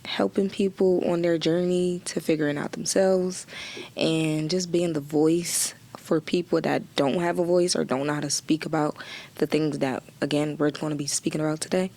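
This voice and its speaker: Deep-voiced young woman, calm and reflective. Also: normal speed, vocal fry. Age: 20s. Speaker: podcast guest. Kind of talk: casual podcast chat.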